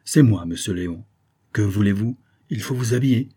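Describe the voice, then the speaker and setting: A man's voice: fairly low pitch, normal speed, dark tone, husky. A man doing a sly old farmer. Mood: knowing, insistent. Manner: knowing, folksy, insistent. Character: sly, shrewd, good-natured old Norman farmer.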